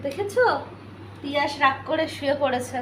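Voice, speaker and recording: A woman's voice: sits high, animated, moderate pace, fairly bright tone, slight background noise. A woman filming her toddler at home, teasing and coaxing the child in a sing-song way. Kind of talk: casual home video talk to a small child. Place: room in a home. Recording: echoey room at home.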